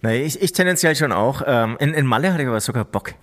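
A man's voice: mid-range voice, lively intonation, fast talker, a bit bright. A man chatting casually in German, defending himself with joking jabs at his friend. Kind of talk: casual chat.

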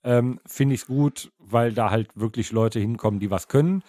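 A man of ordinary pitch chats on a podcast, close to a dry mic with no room sound. He gives his opinions calmly, pausing on small fillers as he thinks. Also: dry recording. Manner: relaxed, opinionated, many hesitation fillers. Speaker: podcast co-host. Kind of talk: casual chat.

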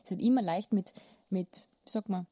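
A woman's voice: mid-range voice, normal speed, mellow, slightly rough, no room sound, studio quality. A young Austrian woman hosting a casual podcast chat, blunt and rambling, swearing freely. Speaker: podcast host.

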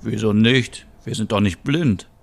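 A dry, skeptical young man, as a man plays him in an audio soap opera, low and gravelly. He talks slowly and teases in a wry way. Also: heavily acted. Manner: dry, teasing.

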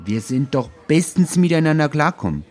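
A man's voice: on the high side, big pitch swings, moderate pace, a little mellow, pitched above the performer's own voice. A clueless teenage boy protests indignantly and stammers, read by a man. The voice stays close to ordinary speech. It is an amateur read-aloud of a book scene.

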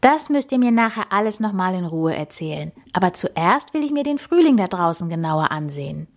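A woman voicing an eager young female hotel keeper in a storybook reading, with a bright, lively voice. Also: on the low side, fairly quick.

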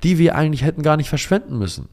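A man's voice: a little high, sing-song, rapid-fire, a little mellow, voice pushed up. A man doing an insistent, indignant six-year-old boy.

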